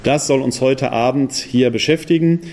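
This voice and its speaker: A man from the Ruhr area in Germany giving a public lecture in a parish hall, talking quickly and posing pointed rhetorical questions. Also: mid-range voice, a little mellow.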